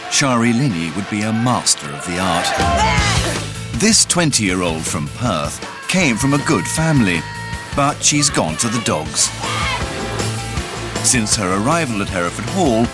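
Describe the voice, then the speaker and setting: A man narrates a documentary in a wry storytelling style. His low voice swings expressively up and down, with prominent music playing behind it. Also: very animated, unhurried.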